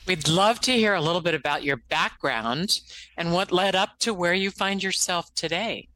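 A woman's voice: fairly low pitch, normal speed, pushed and bright. A woman co-hosting a podcast, reading a polished introduction and asking interview questions. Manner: polished, scripted delivery. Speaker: podcast co-host.

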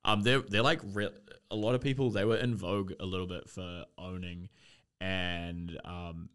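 A man's voice: deep voice, fairly even intonation, normal speed, fairly bright tone, smooth. A man chatting loosely as a podcast co-host, rambling with lots of fillers and swearing. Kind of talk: casual chat.

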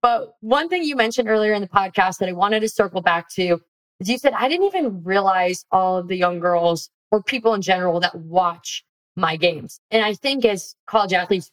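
A young woman, a former college softball player, hosting a podcast with upbeat, encouraging chat. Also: lowish voice, normal speed, low-quality recording. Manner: upbeat, encouraging, reads ad lines. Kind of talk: casual interview chat.

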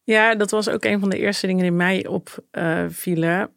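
A woman's voice: medium pitch, steady tone, moderate pace, vocal fry, no echo, clean studio sound. A woman author speaking as a guest, thoughtful and hesitant with many fillers. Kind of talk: casual discussion.

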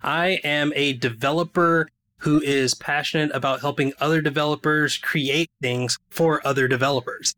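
Bright-voiced casual podcast host, man. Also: fairly high pitch, steady tone. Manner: casual, laughs often, quick asides.

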